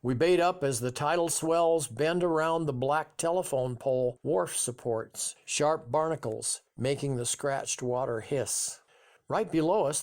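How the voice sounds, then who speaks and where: An older man in his seventies narrating a childhood memory in vivid, measured storytelling. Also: on the high side. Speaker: memoir narrator.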